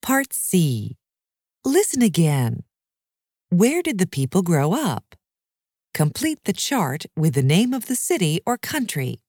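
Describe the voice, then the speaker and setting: Slow, deliberate woman narrator. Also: fairly low pitch, huge pitch swings, darkish tone, breathy edge, no room sound, clean studio sound. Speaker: audio narrator. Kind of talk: scripted instructional narration.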